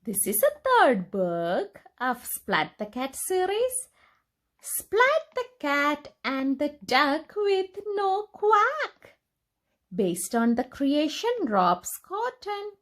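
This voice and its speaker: A high-voiced woman reads a picture book aloud to small children, telling the story in an expressive, deliberate, sing-song style.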